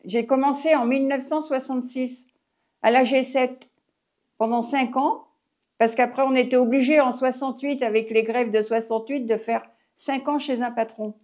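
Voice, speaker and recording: This French woman in her eighties, once a taxi driver, tells her life story in an oral history interview, rambling and chatty with many restarts. Her voice sits high and a little mellow, with fairly even intonation at a moderate pace.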